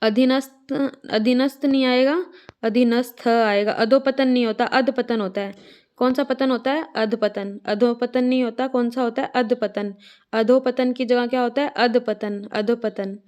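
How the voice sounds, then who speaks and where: A woman runs a spelling lesson, her voice sitting a little high. She drills each word by asking and answering it over and over. At times she slows right down to sound out a word piece by piece. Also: fairly even intonation, a little mellow, smooth. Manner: repetitive call-and-response drilling; slows to spell words out syllable by syllable. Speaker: Hindi spelling teacher.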